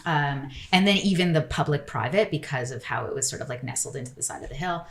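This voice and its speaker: Low-voiced chatty woman architect. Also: expressive, fast talker. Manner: chatty, rambling, full of "like" and "you know". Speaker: architect guest. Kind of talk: casual interview chat.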